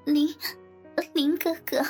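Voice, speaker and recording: A flustered middle-aged mother speaks in a high, breathless, whimpering voice, shy and pleading, as the narrator acts her out. Soft music plays faintly behind this erotic audiobook reading. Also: flat delivery, slow.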